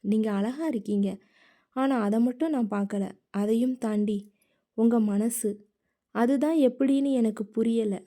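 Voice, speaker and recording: A woman reads an earnest young heroine in a storybook romance, pleading her heart out. The voice sits a little high, with a mellow, dark tone. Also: measured pace, close to an everyday voice. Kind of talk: audiobook character reading.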